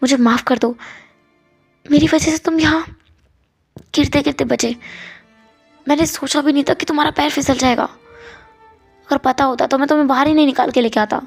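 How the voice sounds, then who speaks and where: A woman's voice: high voice, fairly even intonation, moderate pace, creaky, long pauses, soft background music, voice pushed up. A woman voicing a fussy, caring young man. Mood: anxious. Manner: anxious, apologetic, fussing.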